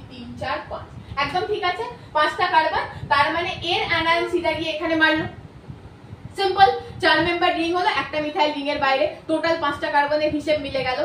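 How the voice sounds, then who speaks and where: A woman with a Bengali accent gives a chemistry video lecture at a quick pace, asking questions and then answering them herself. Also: sits high, fairly bright tone, slight background noise. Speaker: chemistry teacher. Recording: echoey room, voice from a distance.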